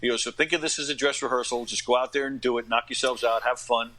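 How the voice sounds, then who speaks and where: A man in his late 40s to 50s from the New York area, an actor and stand-up comic, tells casual anecdotes as a podcast guest. He talks fast in a mid-range voice, acting out quotes animatedly and clearing his throat often.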